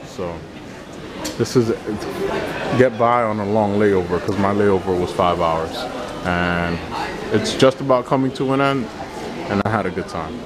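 A man's voice: fairly low pitch, measured pace, long pauses, crowd noise. A man casually vlogging as he walks through an airport food court, rambling easily and repeating words as he goes, recorded on his handheld camera. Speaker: travel vlogger. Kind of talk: casual walking vlog. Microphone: handheld camera mic while walking. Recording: loud airport ambience under voice. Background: airport hall noise.

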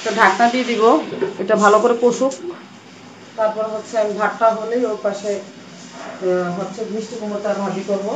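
Hoarse woman chatting through a cooking vlog. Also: mid-range voice, steady tone, normal speed, pauses often. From Bangladesh. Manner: chatty, explains cooking steps as she goes. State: hoarse from a cold. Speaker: cooking vlogger. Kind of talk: casual cooking vlog narration. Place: home kitchen. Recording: echoey kitchen with frying and rain noise.

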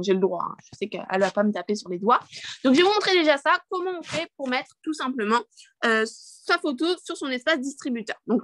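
A woman's voice: on the high side, a bit bright, no echo. A young woman leading a live online training over a video call, chatty and upbeat, with many fillers and restarts. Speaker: network marketing trainer.

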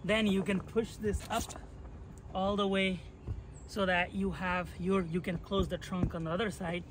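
Next to a car outdoors, a man in his thirties moves around the trunk while casually reviewing a product and demonstrating it by hand. His high voice is flat and a little slow, against a noisy background.

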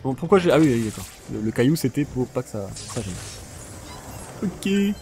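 A man giving casual, jokey commentary on a video game while playing, shouting during fights. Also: medium pitch, very animated, normal speed, soft background music. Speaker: let's play gamer.

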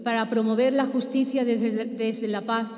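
A woman lector reading the intercessions at Mass in a measured, solemn way. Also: a little high, steady tone, darkish tone. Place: large church. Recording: echoey church with long reverb.

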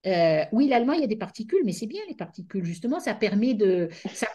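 A middle-aged woman giving an academic lecture over a video call, hesitant and often pausing to search for words. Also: mid-range voice, very animated, warm tone, breathy edge.

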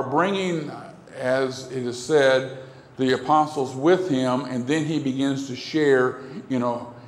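A middle-aged man with a creaky, medium-pitched voice preaches at a church pulpit microphone, earnestly repeating himself and gesturing broadly. It's recorded from a far camera in an echoing sanctuary.

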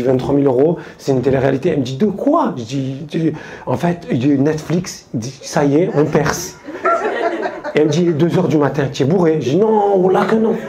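On stage before a live audience, a stand-up comedian with a slightly high voice tells a casual, slangy story, quoting his friends in quick asides.

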